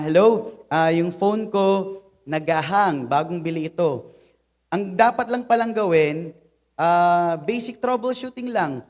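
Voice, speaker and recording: Filipino man preaching in a reverberant hall. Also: a little high. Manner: humorous, conversational, lively storytelling. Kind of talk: sermon with personal stories. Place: church hall.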